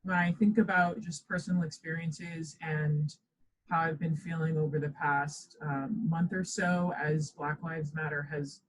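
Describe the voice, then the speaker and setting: A woman from the Bahamas, a professor, speaking thoughtfully as a podcast guest, measured and full of ums. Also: sits low, level tone, slight background noise, low-quality recording. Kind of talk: podcast interview.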